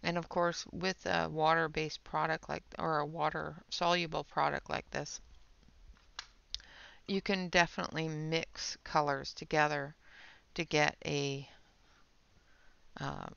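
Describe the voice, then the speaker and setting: A woman giving a casual, unhurried art supply demonstration, half murmuring to herself, with a creaky voice that often trails off softly. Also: sits low, level tone, no echo, highs cut off.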